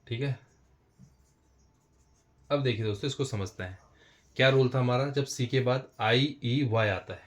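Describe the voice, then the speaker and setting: A man's voice: mid-range voice, unhurried, long pauses. A man teaching a basic English spelling lesson, explaining step by step, repeating himself and calling his viewers friends. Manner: repetitive, addresses viewers as friends. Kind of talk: explanatory lesson with writing on board.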